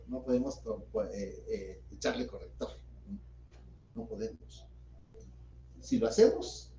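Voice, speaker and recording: A man's voice: medium pitch, warm tone, a little hiss or hum. A middle-aged man teaching a law class as a notary, explaining step by step and asking his own questions before he answers them. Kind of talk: university lecture. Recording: dull roomy audio from a distant mic.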